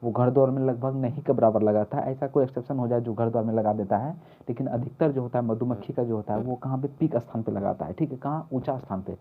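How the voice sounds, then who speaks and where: A man's voice: mid-range voice, fast, hardly any pauses. A man teaching exam mnemonics, repeating key words and asking questions he answers himself. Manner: repetitive, asks questions and answers them himself. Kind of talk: mnemonic lesson for exam prep. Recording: tinny phone-like lo-fi audio.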